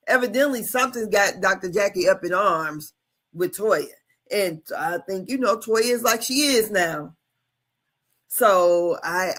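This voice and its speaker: A woman co-hosting a casual recap chat, musing in a halting way and trailing off between thoughts. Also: medium pitch, fairly bright tone. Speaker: co-host of a reality TV recap show.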